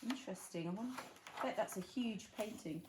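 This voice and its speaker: Woman, higher register, reading to a small child with encouraging asides; roomy, noisy home-style recording. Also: brisk, darkish tone. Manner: encouraging, asks the child tag questions. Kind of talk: reading a picture book aloud to a young child, with chatty asides. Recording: roomy echo, clear background noise and clicks.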